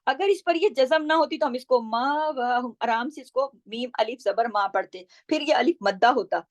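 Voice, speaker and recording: A woman teaching Quran recitation rules, patiently explaining and slowly repeating syllables to model each sound. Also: high-pitched, dry recording. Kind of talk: tajweed lesson, explaining pronunciation.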